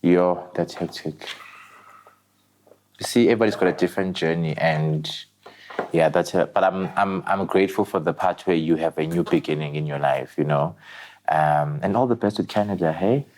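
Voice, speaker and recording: A man's voice: deep voice, normal speed, darkish tone. A man in a casual talk-show chat, reacting sympathetically with tag questions.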